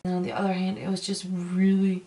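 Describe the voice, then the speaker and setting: A woman giving a casual video review, ranting emphatically in a halting, repetitive way. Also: fairly low pitch, completely flat delivery, warm tone. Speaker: film reviewer.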